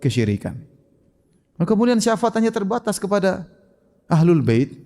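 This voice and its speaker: A man's voice: sits high, sing-song, moderate pace, long reverb tail. A man giving an emphatic religious question-and-answer lecture, full of rhetorical questions. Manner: emphatic, rhetorical questions, shifting loud and soft. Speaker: Islamic preacher.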